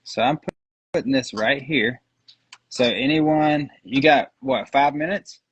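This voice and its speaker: A man's voice: mid-range voice, measured pace, fairly bright tone, slightly rough, dry recording. A man co-hosting a livestream, chatting casually, laughing often and swearing offhandedly. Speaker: livestream co-host.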